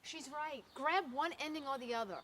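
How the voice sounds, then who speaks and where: An actress playing a practical, level-headed film crew member who talks calmly and persuasively. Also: female voice, high-pitched, normal speed.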